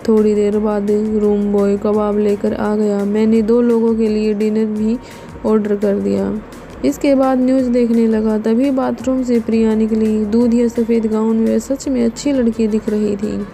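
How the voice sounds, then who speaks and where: A woman storyteller reading a first-person story aloud in a calm, flat, measured way. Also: fairly high pitch, soft background music. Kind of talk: scripted story narration.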